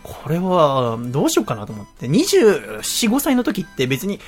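A man's voice: on the high side, huge pitch swings, normal speed, soft background music. A man in his twenties hosting a casual radio show, rambling through stories and laughing often. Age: 20s.

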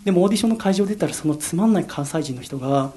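A man's voice: a little high, lively intonation, very fast, dark tone. Earnest young man hosting a solo radio show. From Yokohama, Japan. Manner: earnest, reflective storytelling. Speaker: radio host.

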